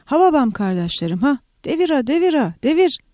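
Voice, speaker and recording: A woman voicing a young male landowner who loudly urges his farmhands on. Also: high-pitched, big pitch swings, a little fast, no echo, clean studio sound, voice pushed up. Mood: rallying. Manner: loud rallying cries.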